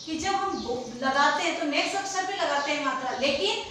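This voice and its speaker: A woman's voice: high voice, brisk, pushed and bright. Woman teacher drilling a class, asks then answers herself, recorded from across the room, bit of hiss. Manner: drills pupils with questions and answers; mixes English words into Hindi. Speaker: school teacher. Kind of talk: classroom Hindi lesson. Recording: echoey classroom from far off.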